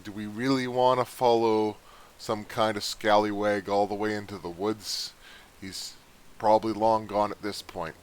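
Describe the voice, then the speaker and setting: A man's voice: lowish voice, level tone, normal speed. A man playing a tabletop game, speaking in a playful, drawling way. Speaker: player. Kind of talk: tabletop role-play.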